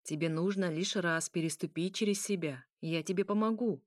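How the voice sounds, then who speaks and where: A woman voicing a calm, teasing male vampire. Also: lowish voice, normal speed, no room sound, clean studio sound, lightly acted. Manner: calm, cool, gently mocking.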